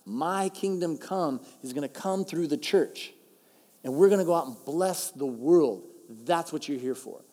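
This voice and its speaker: A man delivers a sermon in a chatty, emphatic way, slowing down to drive home key phrases. His voice sits a little high for a man. Long reverb from a large church hall trails each phrase. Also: warm tone. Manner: conversational, emphatic, slows down to stress key phrases. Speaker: pastor.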